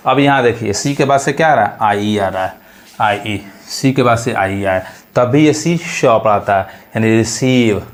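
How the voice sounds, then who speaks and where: A man teaching English pronunciation, who explains step by step and asks and answers his own questions. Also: mid-range voice. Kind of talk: pronunciation lesson.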